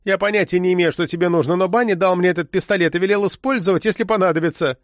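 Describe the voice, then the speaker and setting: A man's voice: high-pitched, steady tone, slow, no echo, clean studio sound, pitched above the performer's own voice. A male narrator voicing a frightened young woman of about twenty who turns defiant. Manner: tense, pleading, raised voice.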